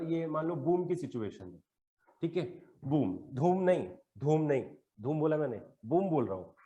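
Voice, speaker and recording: A man's voice: on the high side, dark tone, reverberant. A man teaching an economics class, explaining with everyday examples and often checking that students understand. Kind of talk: classroom lecture.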